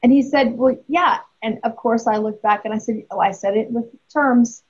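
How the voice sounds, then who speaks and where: Woman, forties, husky, high-pitched, emphatic conversational storytelling. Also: moderate pace. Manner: emphatic, animated, frequent restarts. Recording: dull lo-fi audio.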